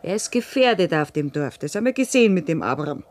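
A hard, calculating village widow. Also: female voice, lowish voice, big pitch swings, quick pace. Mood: scheming. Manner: matter-of-fact, plotting. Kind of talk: radio play acting.

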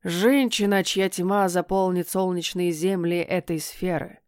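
Brief: woman reader doing a stern, mocking talking cat, gruff and curt, dry close sound. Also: fairly low pitch, fairly even intonation, a little slow, a little mellow, dry recording, lightly acted.

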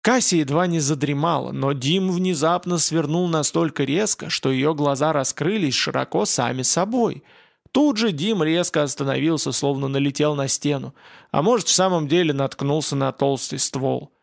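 A man narrating an audiobook in an even, measured reading style. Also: fairly high pitch, vocal fry.

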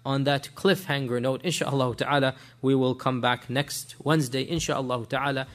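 Speaking at a moderate pace with a medium-pitched voice, this man gives his weekly lecture on religious history in an animated style. He often asks his audience rhetorical questions and works Arabic religious phrases into his talk.

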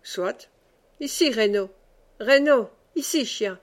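A woman reading as a rough medieval huntsman. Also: fairly high pitch, lively intonation, slow. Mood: matter-of-fact. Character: rough medieval male huntsman calling hounds.

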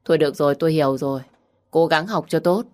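A woman voicing a caring young man who gently teases, in a storybook reading. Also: low voice, fast talker, natural voice. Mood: calm. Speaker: audiobook reader.

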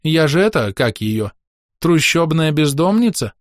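A man's voice: on the high side, very animated, a little slow, no room sound, clean studio sound, pitched above the performer's own voice. A man voicing a blunt, chatty young girl, the narrator's daughter, telling what she saw in a childlike way. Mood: cheeky.

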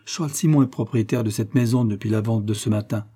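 A man reading a storybook voices an old village priest with firm, commanding authority. His tone is mellow and dark, on the low side, with a light husk and slight roughness, and he reads at a quick pace.

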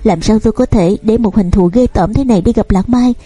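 A woman's voice: medium pitch, fairly quick, mellow, breathy edge, no echo, lightly acted. A woman reading as a tormented disfigured young man. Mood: anguished. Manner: anguished, pleading.

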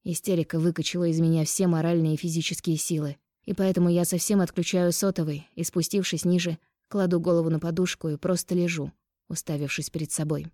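Woman narrating a novel in a dark voice. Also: on the low side, flat delivery, fast, no echo, studio quality. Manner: intense, emotional storytelling. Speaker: audiobook narrator. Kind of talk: first-person novel narration.

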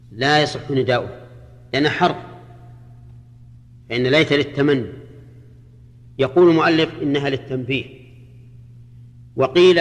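A man teaches a religious class in a measured, explaining manner, pausing to check that his listeners follow. His voice sits at an ordinary middle pitch for a man. It rings out with a long reverb, as if recorded in a large mosque or lecture hall. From Saudi Arabia. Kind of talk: classroom lecture on Quranic grammar.

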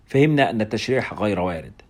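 A man reading the lines of a weary, self-assured male doctor, making calm, measured proposals. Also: lowish voice.

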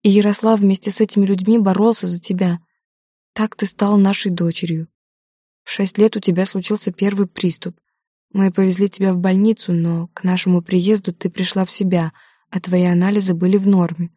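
A woman's voice: mid-range voice, flat delivery, fairly quick, dark tone, no room sound, studio quality, lightly acted. A woman reading the part of a desperate middle-aged mother in an audiobook, confessing and pleading. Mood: pleading confession. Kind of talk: audiobook character voice.

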